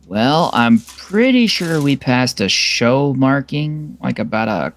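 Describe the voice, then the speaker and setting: A man narrating a tabletop game as game master, hesitant and halting with frequent fillers. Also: medium pitch, very animated.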